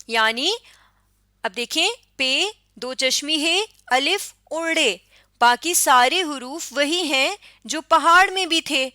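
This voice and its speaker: A woman's voice: sits high, pushed and bright, dry recording, clean studio sound. A woman with a Pakistani Urdu accent, an Urdu teacher giving a patient lesson voice-over, repeating and correcting herself as she explains.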